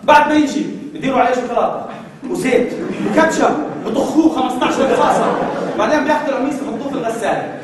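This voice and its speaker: A Jordanian man with a Jordanian Arabic accent doing stand-up as an escalating, exasperated comedy rant, animated and acting out little exchanges. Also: very high voice, rapid-fire, a crowd in the background. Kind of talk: stand-up comedy routine to a live audience. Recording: echoey, noisy live recording from a distance.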